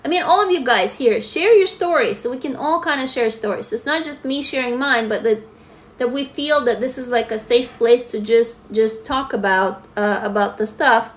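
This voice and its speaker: A woman's voice: fairly high pitch, moderate pace. A young adult woman from Russia, chatting candidly with viewers on a phone livestream and reading their comments aloud. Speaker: livestream host. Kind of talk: casual live-stream chat.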